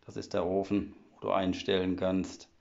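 A vlogger leads a home tour of an old half-timbered house, chatting casually in a very low, gravelly, darkish voice with a completely flat delivery at normal speed. He explains each thing step by step and fills gaps with filler words. A phone camera held as he walks indoors gives the sound a dull, lo-fi quality.

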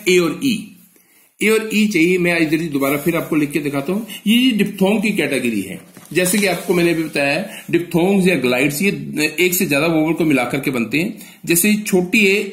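A man's voice: fairly high pitch, a bit bright, reverberant. A male teacher in an exam-prep lesson. He asks questions and answers them himself, and he keeps addressing the students with a polite "ji". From northern India.

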